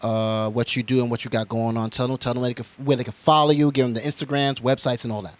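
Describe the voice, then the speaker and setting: Fast-talking hype man host. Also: mid-range voice, steady tone. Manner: hyped slang, repeats "right, right". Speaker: show host. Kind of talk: casual interview hosting.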